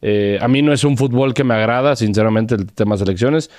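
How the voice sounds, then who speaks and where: A man's voice: medium pitch, fairly quick, a little mellow. A man with a Mexican accent hosting a podcast, talking loosely about football with slang and jokes. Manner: slangy, joking, laid-back. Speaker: podcast host. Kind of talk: casual chat.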